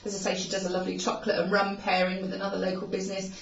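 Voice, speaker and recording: A woman's voice: mid-range voice, monotone, rapid-fire, gravelly. A woman co-hosting a casual product review chat, talking with many "um" fillers. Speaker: co-host. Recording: roomy, dull sound from a distant mic.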